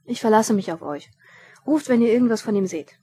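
Woman reader as a harried male watch chief, gruff, commanding, shouting in an audiobook. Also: on the high side, animated, fairly quick. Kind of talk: audiobook reading.

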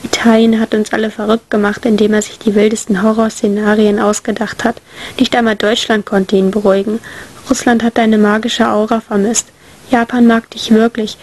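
A woman voicing a worried, exasperated visitor in a whispered role-play audio story, speaking softly and pleadingly. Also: fairly high pitch, flat delivery, moderate pace. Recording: faint hiss.

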